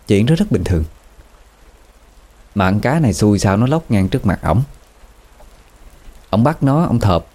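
A man with a Southern Vietnamese accent narrating a ghost story in a relaxed, folksy way with fillers. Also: lowish voice.

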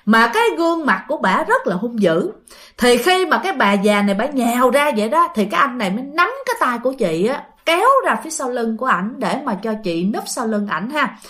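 A woman with a Southern Vietnamese accent tells a ghost story in a casual, chatty way, turning often to her listeners. Her voice sits high and bright, with lively swings in pitch. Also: brisk. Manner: chatty, addresses listeners directly.

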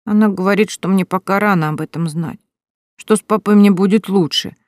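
A woman's voice: medium pitch, a little fast, darkish tone, dry recording, studio quality, pitched above the performer's own voice, lightly acted. A woman voicing a curious little boy in an audiobook, asking earnest, eager questions.

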